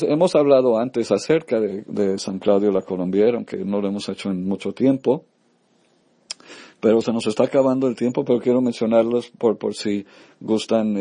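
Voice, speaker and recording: Mellow, low-voiced priest, halting and unhurried. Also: male voice, dry recording. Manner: halting, many filler sounds and self-corrections. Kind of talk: informal devotional talk.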